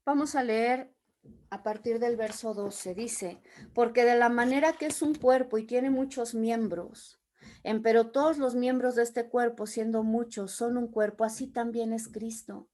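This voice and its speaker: High-voiced woman teaching the Bible. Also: fairly even intonation, measured pace, dark tone. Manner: reads scripture aloud, then explains with everyday examples.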